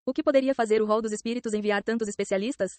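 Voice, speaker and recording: Calm, cool young hero with a teasing edge, read by a woman, Brazilian accent, dry close sound. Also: a little high, rapid-fire, no echo, natural voice. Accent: Brazilian Portuguese. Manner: calm, cool, lightly provocative. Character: young man, calm, confident, teasing swordsman.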